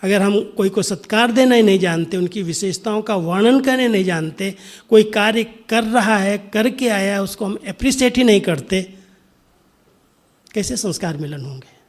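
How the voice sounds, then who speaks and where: A middle-aged man with a high voice gives a spiritual discourse, telling a story unhurriedly and at times sinking to a soft near-whisper.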